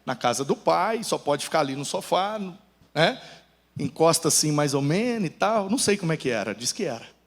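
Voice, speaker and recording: A man's voice: a little high, normal speed, big-room sound. A man, a pastor with a Brazilian Portuguese accent, preaching a sermon full of humorous family stories. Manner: animated storyteller, shifts between voices. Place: church.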